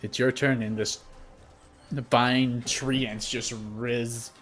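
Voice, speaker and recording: Young male game master, casual descriptive narrator, mid-pitched, filler-heavy. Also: little pitch movement, takes it slowly, fairly bright tone, soft background music. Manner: loose, descriptive narration full of "like". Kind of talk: narrating a tabletop game over voice chat.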